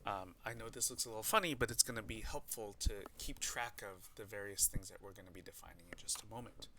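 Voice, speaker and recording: A man with a lowish voice talks fast over crowd noise as he teaches math at a board. He explains each step and dictates the notation piece by piece while writing it out, lecturing as a math teacher.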